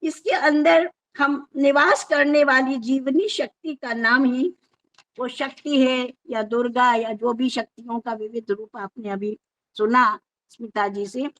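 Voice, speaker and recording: Slow, high-voiced woman lecturer. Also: steady tone, fairly bright tone. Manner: measured, explanatory, with restarts. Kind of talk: formal lecture on scripture.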